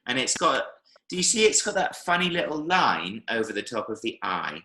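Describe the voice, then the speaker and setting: A man's voice: mid-range voice, very animated, normal speed, pushed and bright, reverberant. A man teaching a one-to-one language lesson over a video call, patiently checking that his student follows with frequent "yeah?" and "right?". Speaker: Spanish teacher.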